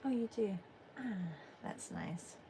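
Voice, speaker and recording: Drawing on her art livestream, a middle-aged Englishwoman reads viewers' chat messages aloud and chats in a relaxed, easygoing way, thinking aloud with fillers. She talks slowly in a voice on the high side with vocal fry, and there's background noise.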